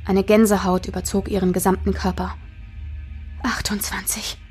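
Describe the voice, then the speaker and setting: A woman's voice: medium pitch, steady tone, moderate pace, a little mellow, husky, faint music behind. A woman narrating a dramatic audiobook in a tense storytelling manner.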